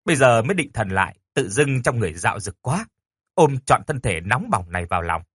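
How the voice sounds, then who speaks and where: A male storyteller narrates a first-person romance with an animated, bright delivery. His voice is husky and swings freely in pitch. It is recorded dry and close, with no room sound. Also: fairly quick, no room sound. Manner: lively, stammering in dialogue.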